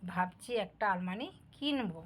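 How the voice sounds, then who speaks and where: A woman's voice: on the low side, lively intonation, moderate pace, fairly bright tone, breathy edge. A middle-aged woman with Bangal family roots, chatting casually to viewers while she cooks at home. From Bangal family, East Bengal roots. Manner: homely, talks directly to viewers, asks for comments. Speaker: cooking vlogger.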